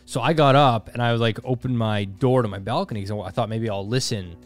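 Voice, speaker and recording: A man's voice: mid-range voice, fast, soft background music. Earnest man recounting a night. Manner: earnest, reflective storytelling with frequent restarts. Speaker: podcast co-host. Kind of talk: casual chat.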